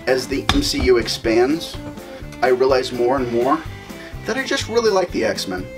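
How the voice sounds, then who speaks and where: A man's voice: mid-range voice, very animated, normal speed, music in the background. Man talking film, wordy and earnest. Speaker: film review show co-host. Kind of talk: casual film review chat.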